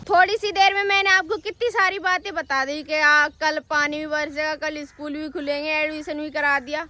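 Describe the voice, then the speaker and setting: A woman's voice: sits high, pushed and bright, a little hiss or hum. A young woman vlogging casually from her village home, chatting to her viewers as friends. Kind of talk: casual vlog narration. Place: village home, rooftop and fields, outdoors.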